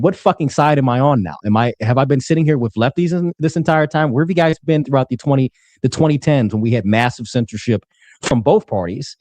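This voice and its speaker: A man's voice: mid-range voice, a little mellow, no room sound. A man in his twenties arguing in a heated debate, combative and profane. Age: 20s. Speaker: debate panelist.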